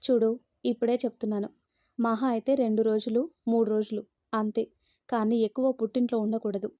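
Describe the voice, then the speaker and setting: A woman's voice: on the high side, level tone, fairly quick, no echo, lo-fi sound, close to an everyday voice. A woman voicing a stern middle-aged mother who harshly lectures her grown daughter.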